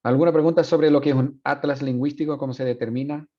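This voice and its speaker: A man's voice: medium pitch, fairly even intonation, quick pace, dull audio. A man teaching a university Spanish linguistics class, switching between Spanish and English, with many fillers and restarts. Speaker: Spanish professor. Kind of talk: university lecture.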